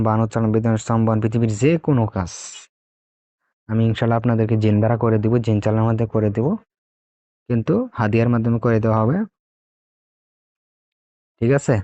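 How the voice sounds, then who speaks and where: A man's voice: mid-range voice, dark tone, no room sound, lo-fi sound. A man talking casually to his video viewers as a self-styled tantric teacher, boastful and repetitive, like a salesman. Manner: boastful salesman tone, repeats phrases.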